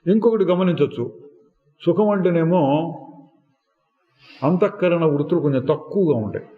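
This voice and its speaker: A man giving a slow, deliberate spiritual discourse, asking rhetorical questions and singing lines of verse now and then. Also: high-pitched, animated. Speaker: spiritual teacher. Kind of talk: satsang discourse. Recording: echoey hall, phone-like lo-fi sound.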